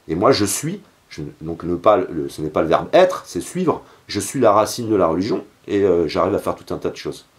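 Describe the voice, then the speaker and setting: A man's voice: low-pitched, very animated, normal speed, hardly any pauses. A man talking straight to his viewers in an earnest, pleading monologue, hesitating often with fillers and restarts. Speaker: video channel host. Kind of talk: direct-to-camera monologue.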